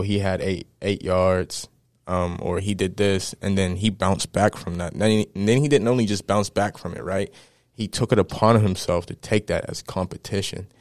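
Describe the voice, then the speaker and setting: A young man in his twenties, a football player, answering interview questions in a relaxed, animated way and often tagging "right?". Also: deep voice, no echo, studio quality. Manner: animated storyteller, many "right?" tags.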